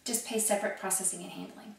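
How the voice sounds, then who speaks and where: Upbeat woman pitching a product. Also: little pitch movement, fast, creaky. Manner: upbeat, persuasive, chatty. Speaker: product presenter. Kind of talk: infomercial sales pitch. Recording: echoey room, mic at a distance.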